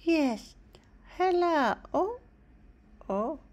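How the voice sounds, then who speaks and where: A woman voicing a friendly furry puppet in a squeaky ventriloquist dummy voice, with short, simple replies. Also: animated, extremely slow, full character voice. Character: friendly, giggly, agreeable furry puppet named Charlie. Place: living room.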